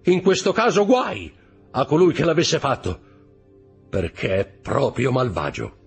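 A man voicing a coarse, fearful male crony with a raised, raspy, agitated voice in a storybook reading. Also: mid-range voice, very animated, a little slow, faint music behind, pitched above the performer's own voice, full character voice. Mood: indignant. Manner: pleading, agitated.

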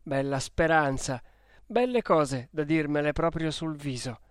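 A man's voice: a little high, lively intonation, a little slow, clean tone, no echo, clean studio sound. A man doing an ardent, desperate young lover. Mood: passionate reproach. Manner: passionate, insistent questioning. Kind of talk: audiobook character voice.

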